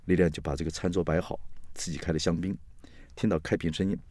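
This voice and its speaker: A man, telling a comic story in a chatty, playful way with lively asides. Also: low voice, fast talker. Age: 60s. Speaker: storyteller host.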